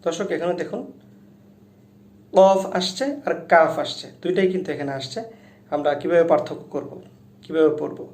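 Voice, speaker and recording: A man teaching Quran recitation step by step, explaining how each letter is said before chanting each verse slowly and loudly. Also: a little high. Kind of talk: slow step-by-step recitation lesson. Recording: echoey room.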